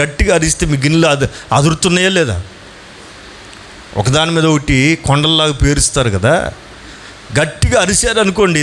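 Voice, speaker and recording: A fervent man delivers a Sunday sermon in a fairly high voice, firing questions at his congregation and waiting for replies. He stretches key phrases slowly, then races through asides. A faint hum of the room sits behind him. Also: a bit bright. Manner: asks the congregation questions and urges answers; swings between slow emphatic lines and fast asides. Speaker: pastor.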